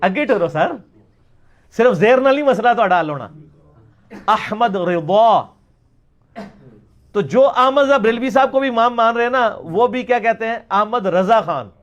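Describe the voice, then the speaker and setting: Middle-aged guy, high voice, lecturing hard and spelling out pronunciations. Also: highs cut off. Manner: emphatic, repeats words to demonstrate pronunciation. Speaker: religious lecturer. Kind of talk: question-and-answer lecture.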